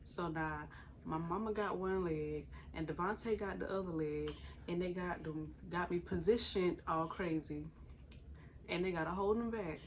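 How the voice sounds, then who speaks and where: Chatty woman, low voice. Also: normal speed, slight background noise. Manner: chatty, uses "y'all" and "dog", breaks off to tend her baby. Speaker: vlogger. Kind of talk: casual storytelling.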